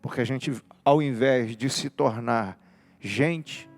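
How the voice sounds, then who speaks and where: A man's voice: medium pitch, slow, faint music behind. A man preaching a sermon, impassioned, driving his points home in repeated emphatic lists.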